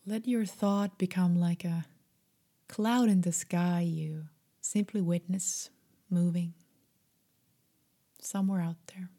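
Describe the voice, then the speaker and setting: A woman guiding a meditation in a soft, breathy, half-whispered voice, gentle, soothing and unhurried. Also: fairly low pitch, steady tone. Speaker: meditation guide. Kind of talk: slow guided meditation.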